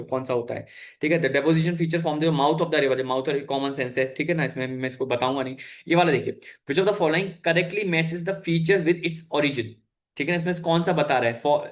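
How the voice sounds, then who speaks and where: Man, young adult, chatty exam-coaching teacher, slightly high voice, rambling with fillers. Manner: chatty, frequent fillers and self-corrections, mixes in English terms. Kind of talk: casual Hindi lecture over slides.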